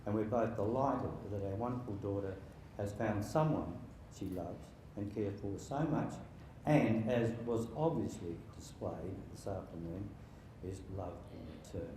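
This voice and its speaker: An older man, the father of the bride, gives an informal wedding speech to a room of guests in an echoey hall, his halting, jokey delivery turning sentimental. His voice is lowish and dark, and the very echoey recording carries faint background noise.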